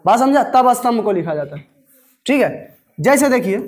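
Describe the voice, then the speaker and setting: A man's voice: very high voice, sing-song, moderate pace. A man teaching a maths class, repeating terms word by word and often asking if the students have understood. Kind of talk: slow classroom lecture.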